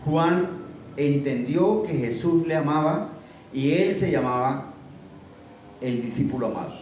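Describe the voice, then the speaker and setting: A man's voice: a little high, expressive, a little slow, a little mellow, a little hiss or hum. A man preaching a sermon, reading scripture aloud and hammering his points home with earnest repetition. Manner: earnest, repeats phrases for emphasis. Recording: very echoey room from a distance.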